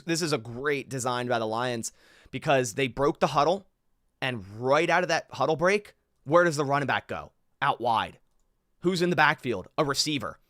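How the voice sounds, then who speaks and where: A man commenting over football game film in an animated, exasperated way, thinking aloud as he goes. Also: fairly high pitch, no room sound, clean studio sound.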